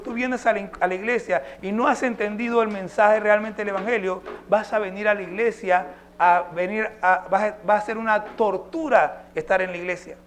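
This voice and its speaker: A man's voice: high-pitched, fairly bright tone. A male pastor preaching a sermon, emphatic and posing rhetorical questions to his congregation.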